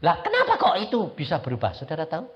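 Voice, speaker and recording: A man's voice: on the high side, fast talker, slight background noise. A middle-aged man, preaching a sermon as an evangelist and telling stories with acted-out dialogue and laughter. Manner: animated storytelling, acting out dialogue, frequent laughter. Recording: dull lo-fi recording.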